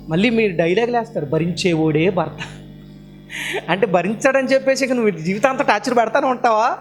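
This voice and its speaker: A man's voice: very high voice, fairly bright tone. A man preaching a sermon as pastor, firing rhetorical questions at the congregation and repeating his key phrases for emphasis.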